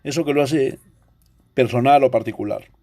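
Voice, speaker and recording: A man's voice: medium pitch, moderate pace, a little mellow. A male teacher with a Peruvian accent explaining a language lesson, asking rhetorical questions along the way. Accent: Peruvian Spanish. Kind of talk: recorded online language lesson.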